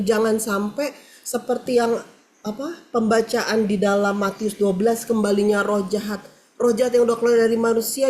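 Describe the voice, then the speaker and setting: A woman's voice: on the high side, darkish tone, slight background noise. A woman giving an earnest, candid personal testimony over a video call, talking with many fillers. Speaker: participant sharing a testimony. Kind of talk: personal testimony in an online prayer meeting.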